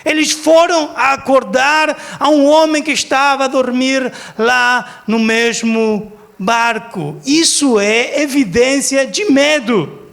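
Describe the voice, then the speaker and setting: High-voiced pastor preaching. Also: male voice, vocal fry. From Argentina. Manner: lively storytelling, acts out quotes for laughs. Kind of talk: sermon. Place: church service.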